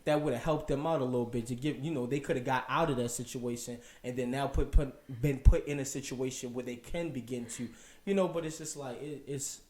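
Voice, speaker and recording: A man's voice: medium pitch, steady tone, brisk, roomy sound. A man co-hosting a casual podcast, talking earnestly in long rambling turns. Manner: earnest, rambling, many restarts, trails off quietly. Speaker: co-host.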